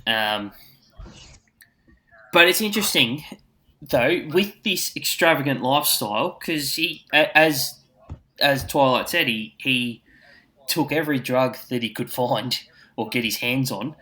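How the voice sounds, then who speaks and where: A man's voice: medium pitch, lively intonation, a little slow, pauses often, sharp tone. An Australian man co-hosting a casual podcast chat with his mates, talking in matey, slangy Aussie tradesman fashion. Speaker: podcast co-host.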